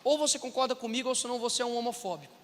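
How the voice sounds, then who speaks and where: A man with a Brazilian accent preaching a sermon in an animated way, acting out the voices of people he quotes and calling his listeners brothers. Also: extremely high pitch, racing, big-room sound.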